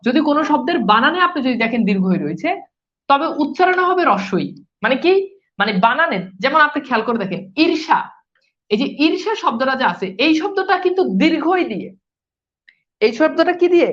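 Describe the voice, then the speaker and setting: A woman teaches a live online class in a high, quick voice. She asks her students questions, answers them herself, and goes over the key points again. The sound is dull and lo-fi. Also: big pitch swings, a bit bright.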